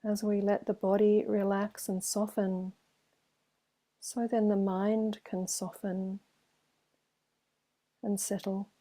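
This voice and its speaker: A woman teaching meditation guides listeners through a session with a slow, soft, calming delivery and lengthy pauses between brief phrases. Her medium-pitched voice is dark and relaxed, with barely any rise and fall.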